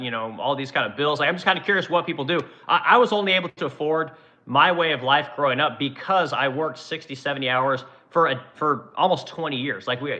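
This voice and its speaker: A man's voice: fairly high pitch, pushed and bright, dull audio. A man in his forties who runs a woodworking business, chatting casually on a livestream and answering viewers in a blunt, profane, rambling way. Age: 40s. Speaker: woodworking business owner answering live chat.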